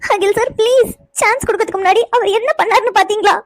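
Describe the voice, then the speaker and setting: A woman plays a young cartoon heroine who is heartbroken and furious, firing accusing questions at her lover. The voice is very high and rattles along at a racing clip. It is dry, close and free of room sound. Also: fast, no echo. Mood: upset. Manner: accusing, tearful, insistent questions. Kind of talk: cartoon voice acting.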